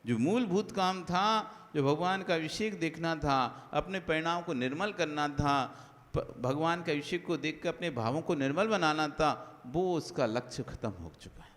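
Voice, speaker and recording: Jain monk preacher, man, fairly high voice, chatty sermon, long hall reverb. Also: normal speed. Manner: conversational, repetitive listing, rhetorical questions.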